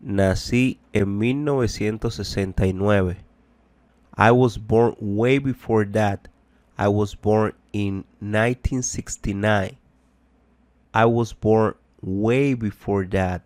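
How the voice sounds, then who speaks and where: An English teacher with a fairly low, slightly mellow voice gives a bilingual lesson, speaking very slowly and deliberately as he translates and repeats each phrase in an explanatory way. His intonation is fairly even, and the recording is dry, with little room sound and no echo.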